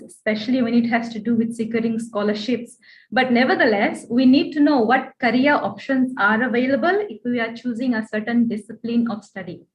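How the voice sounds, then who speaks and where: A woman with a Fijian accent giving a prepared presentation as a guest speaker, earnest and advisory. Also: a little high. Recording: dull online call audio.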